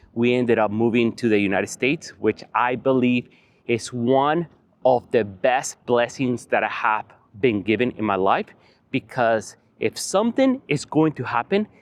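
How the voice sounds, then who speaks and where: A man speaks earnestly to the camera, leaning on repeated phrases to drive his point home. His voice sits at an ordinary middle pitch and sounds close and dry, with little room around it, even though he is outside on a windy evening. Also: no echo. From Venezuela. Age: 40s. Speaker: vlogger. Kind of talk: motivational talk to camera.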